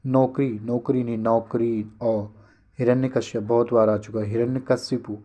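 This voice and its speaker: A man teaching a spelling lesson for an exam, briskly repeating each word to correct it. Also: medium pitch, steady tone, warm tone.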